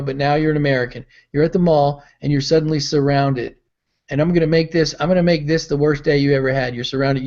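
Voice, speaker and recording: This middle-aged pastor and mentor speaks in a slightly high, darkish voice, motivating his listeners through stories whose characters he voices himself. The call audio is dull and lo-fi.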